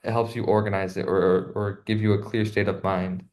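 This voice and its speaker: A young man, a student co-host in casual talk, relaxed and full of fillers. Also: low voice, a little fast. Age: young adult. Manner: relaxed, many fillers like 'um' and 'you know'. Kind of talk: casual podcast conversation.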